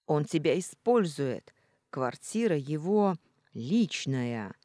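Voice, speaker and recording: A woman voices a cold, contemptuous young man in a story read aloud. His harsh, scornful lines stay low and dark, and the recording is dry. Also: sing-song, slow pace, no echo, exaggerated voice. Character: contemptuous young male boyfriend, cold and cruel. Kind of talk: audiobook character reading.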